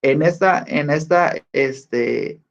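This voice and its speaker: Man, teacher, slow deliberate lecture, questions students, dull lo-fi audio. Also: a little high, creaky. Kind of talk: online class lecture.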